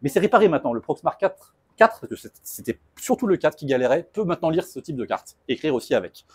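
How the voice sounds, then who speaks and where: Fast-talking husky man giving a talk. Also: fairly high pitch, sing-song, dry recording. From France. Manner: joking, loose and informal. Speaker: conference speaker. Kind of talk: casual technical talk. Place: presentation room.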